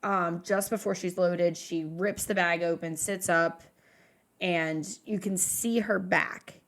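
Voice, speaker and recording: Lowish-voiced woman walking through her notes. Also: fairly even intonation, slow, a bit bright. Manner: talks through researched notes with many fillers and restarts. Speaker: podcast co-host leading the episode. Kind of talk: casual podcast chat.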